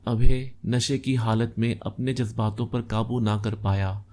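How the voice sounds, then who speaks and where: A man reading a first-person story aloud in a measured, steady storytelling manner. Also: medium pitch, slight background noise. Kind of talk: scripted first-person narration.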